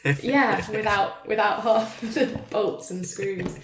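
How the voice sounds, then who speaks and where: Speaking slowly in a mid-range voice, a woman who works in theatre reflects tentatively during a panel conversation, hedging as she goes. The unscripted discussion is thoughtful, with crowd noise and a roomy, echoey sound.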